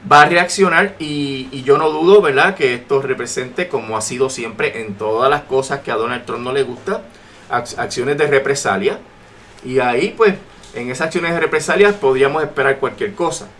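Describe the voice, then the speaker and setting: Heard on noisy AM radio, a Puerto Rican man with a matching accent appears as a talk show guest giving forceful political commentary and repeating phrases for emphasis. He speaks at a moderate pace in a fairly high, fairly bright voice.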